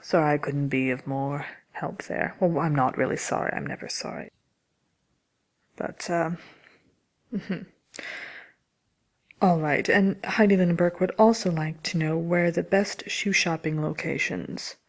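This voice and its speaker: A woman playing a haughty, grumpy fairy-tale witch in soft-spoken ASMR roleplay, answering questions as a host in a dry, unhurried, condescending manner. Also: low voice. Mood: reading questions.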